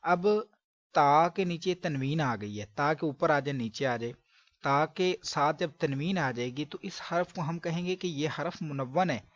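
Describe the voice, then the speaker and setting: A man's voice: fairly high pitch, a little slow, no room sound. A man teaching Quran recitation step by step, from Pakistan, patiently drawing out syllables in drills. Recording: dry, dull lo-fi recording.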